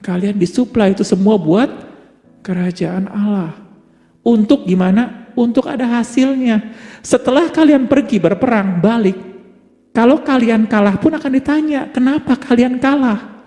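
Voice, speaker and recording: A man preaches a sermon, asking rhetorical questions and answering them himself, building to emphatic peaks and slipping English words into his talk. His voice is high, gravelly, and warm. The recording carries a long hall reverb with faint music in the background.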